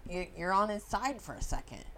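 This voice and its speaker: A woman's voice: mid-range voice, very animated, fairly quick, fairly bright tone, a little hiss or hum. A woman in a casual chat about a movie, talking in an opinionated way and swearing now and then. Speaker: movie discussion participant.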